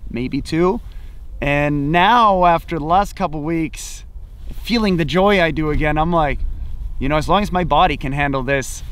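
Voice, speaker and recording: 30s guy chatting outdoors on a snowy slope, laid-back, restarts a lot, clean smooth voice. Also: fairly high pitch, a bit bright. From Sweden. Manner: reflective, candid, with many restarts and likes. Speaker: pro skier and vlogger. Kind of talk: casual sit-down interview. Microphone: off-camera mic, framed head and shoulders.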